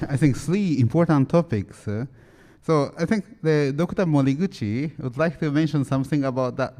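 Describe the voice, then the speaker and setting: A man moderates a symposium panel in a mellow voice. His phrasing is hesitant and plain. The sound carries a long reverb from the hall. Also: mid-range voice.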